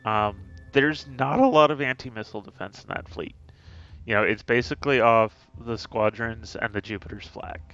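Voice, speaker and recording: A man talking casually through game strategy while streaming, thinking aloud with many pauses and fillers. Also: mid-range voice, fairly even intonation, fairly bright tone, lo-fi sound.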